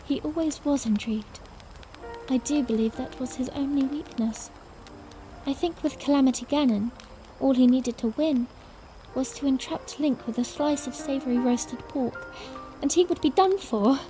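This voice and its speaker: A woman playing a young princess in a fanmade audiodrama, narrating in the first person in a soft, earnest, unhurried storybook way. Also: sits high, faint music behind, close to an everyday voice, low-quality recording. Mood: warm, wistful.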